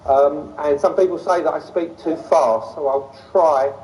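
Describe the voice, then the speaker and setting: A London lecturer with a London accent gives an illustrated talk on ancient sites, enthusiastic and easily excited. His voice is on the high side and measured in pace, sounding distant from the mic with slight background noise.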